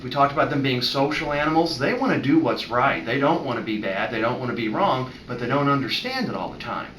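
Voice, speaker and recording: A middle-aged man, a veterinarian, calmly explaining puppy training in an instructional video. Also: medium pitch, distant mic. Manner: calm, friendly explaining, demonstrating tones of voice to a puppy. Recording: echoey room with faint ambient noise.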